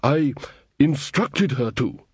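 A man's voice: medium pitch, animated, slow, breathy edge, no echo, full character voice. A man voicing a nervous, earnest young king who talks in a hesitant, fretful way.

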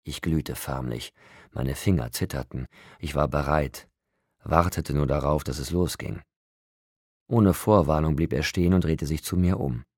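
A man narrating an audiobook in the first person, telling the story in a measured, steady way. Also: very deep voice, husky, dry recording, clean studio sound.

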